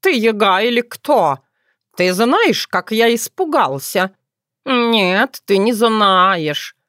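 A woman's voice: medium pitch, very animated, takes it slowly, a bit bright, dry recording, clean studio sound, pitched above the performer's own voice. A woman doing Bayun, a fussy wailing tomcat. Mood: scolding. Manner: wailing, scolding, self-pitying. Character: fussy, dramatic talking tomcat, male. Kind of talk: audiobook character voice.

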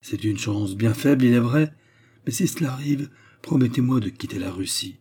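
A man voicing a young grand duchess in an audiobook, speaking softly and frankly. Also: medium pitch, normal speed, husky. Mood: gentle.

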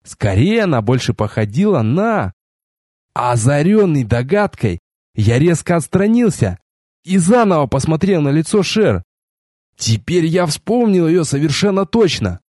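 A man narrates a first-person novel in a fairly high, animated voice, wry and expressive, with sardonic asides. The recording is close and dry. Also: measured pace, dry recording. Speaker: audiobook narrator.

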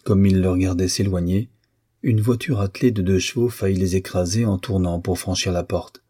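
Husky, dark-voiced man narrating. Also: low-pitched, steady tone, no echo, studio quality. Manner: measured, literary reading. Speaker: audiobook narrator. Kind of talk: scripted narration.

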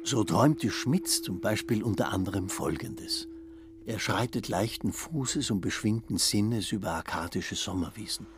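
Lively low-voiced male narrator. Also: a little slow, background noise. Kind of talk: radio play narration.

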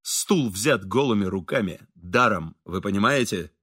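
A man's voice: fairly low pitch, expressive, unhurried, fairly bright tone, husky, dry recording, clean studio sound, pitched below the performer's own voice, full character voice. A man voicing a stern, confident swindler who talks in a curt, commanding way, in an audiobook reading. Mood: dry.

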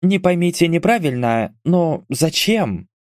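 A man's voice: on the high side, expressive, unhurried, no echo, clean studio sound, pitched above the performer's own voice. A man voicing a skeptical young woman accountant who asks pointed questions. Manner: displeased, questioning.

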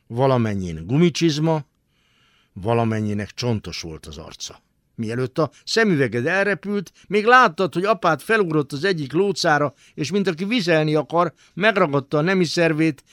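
Dramatic male storyteller, lively pitch. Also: no echo, studio quality. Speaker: narrator. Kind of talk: literary reading for radio. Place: radio studio.

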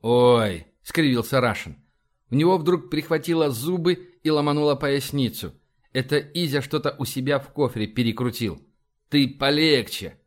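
A man narrating a science-fiction audiobook in an even, matter-of-fact reading style. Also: fairly high pitch, normal speed. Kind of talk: scripted narration.

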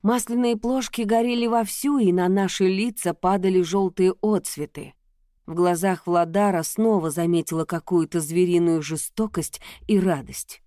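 Female audiobook narrator, lowish mellow voice, measured delivery, dry close sound. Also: no echo. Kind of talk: first-person audiobook narration.

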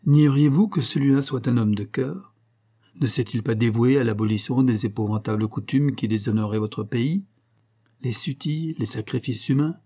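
Brief: man reading as a passionate young Frenchman, husky and mellow, pleading with rising questions. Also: mid-range voice, normal speed, lightly acted. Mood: fervent. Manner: fervent, rhetorical questioning.

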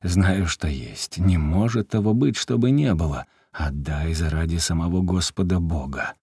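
Male reader as a drunk peasant man in despair, gravelly and dark, wailing slow and loud. Storybook. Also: deep voice, no echo, clean studio sound, exaggerated voice. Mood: hoarse menacing. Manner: wailing, shouting, drawn-out. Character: drunk, grief-crazed peasant man, weeping and menacing.

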